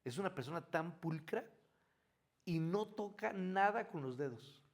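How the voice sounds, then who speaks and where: High-voiced preacher asking his flock questions. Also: measured pace. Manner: lively, asks the congregation questions and answers them, folksy asides. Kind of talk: morning sermon, conversational teaching. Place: church.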